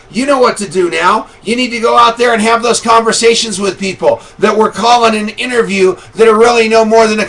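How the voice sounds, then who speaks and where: A man hosting a motivational call, giving a pep talk that slows for dramatic storytelling and often rises to shouting for emphasis. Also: high-pitched, low-quality recording. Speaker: host of a daily motivational call.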